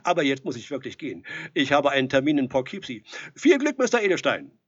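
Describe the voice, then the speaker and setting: A man voicing a jovial, breezy male demon from hell, brash and loud. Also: mid-range voice, sing-song, fast talker, no room sound. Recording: dull lo-fi recording.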